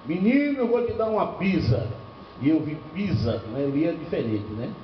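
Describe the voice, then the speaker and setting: An older male pastor from northeastern Brazil's Bahia preaches at a church seminar, his high voice sing-song at normal speed. He tells humorous stories and asks the audience rhetorical questions, all caught in a dull, far-off, echoey lo-fi recording of a church hall with faint background noise.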